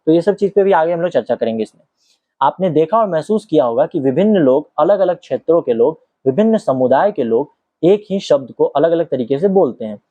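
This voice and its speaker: Reading from an acting book and explaining it like a teacher, this man from Bihar, India alternates careful reading with casual asides and frequently asks "ठीक है?". His voice is a little high, a little fast and mellow, with lively intonation, in a dull, dry lo-fi recording.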